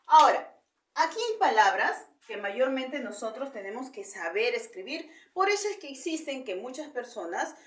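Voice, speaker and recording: A woman's voice: on the high side, echoey room, far from the mic. A woman teaching a primary school language lesson in Peruvian Spanish, explaining step by step and checking in with rhetorical questions.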